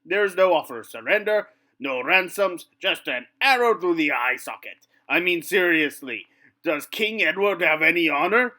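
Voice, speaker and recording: A man's voice: fairly high pitch, expressive, moderate pace, sharp tone. A man playing a haughty, indignant defender of knightly honor, speaking emphatically in a mock news debate. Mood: outraged. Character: indignant, haughty male champion of French knighthood.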